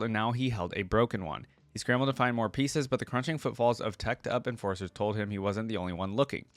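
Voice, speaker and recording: This man hosts a reaction video about game lore, reading passages aloud and chatting casually in between. His voice is lowish and the sound has no echo.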